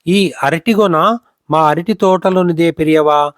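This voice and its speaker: A man's voice: on the high side, measured pace, fairly bright tone, dry recording, clean studio sound. A man voicing a humble, polite village woman in a storybook reading.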